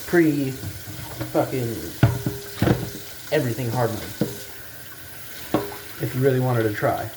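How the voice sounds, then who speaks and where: A man's voice: mid-range voice, fairly even intonation, moderate pace, long pauses. A man giving rambling, unscripted game commentary, thinking aloud in a casual, hesitant and bluntly sweary way. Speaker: gaming video maker. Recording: clear background noise like running water.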